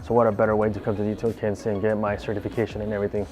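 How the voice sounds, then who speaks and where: A man's voice: lowish voice, little pitch movement, rapid-fire, darkish tone, soft background music. A man from California giving an eager, earnest testimonial as a seminar student. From Lawndale, California. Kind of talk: testimonial interview.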